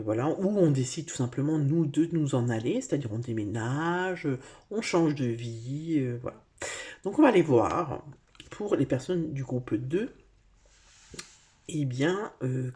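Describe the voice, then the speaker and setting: A woman's voice: low-pitched, dark tone. Chatty French tarot reader woman. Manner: chatty, addresses viewer directly with many fillers. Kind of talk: casual tarot reading video.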